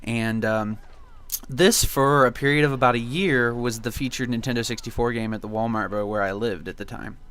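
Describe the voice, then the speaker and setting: A man's voice: medium pitch, moderate pace, fairly bright tone, clean tone. A young man reminiscing casually in gameplay commentary, with a laid-back, rambling and nostalgic way of talking. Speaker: video game commentary host.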